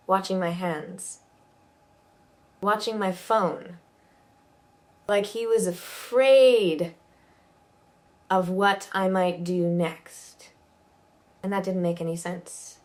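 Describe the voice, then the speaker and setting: Story narrator: woman, lower pitch, measured and subdued delivery. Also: darkish tone. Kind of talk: first-person story narration.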